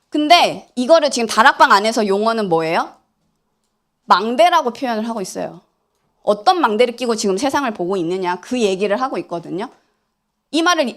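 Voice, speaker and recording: A woman giving an animated lecture at church, asking the audience questions and acting out what people say. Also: medium pitch. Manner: animated, asks the audience questions, acts out quotes. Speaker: church lay speaker. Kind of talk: lively church lecture to youth. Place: church hall.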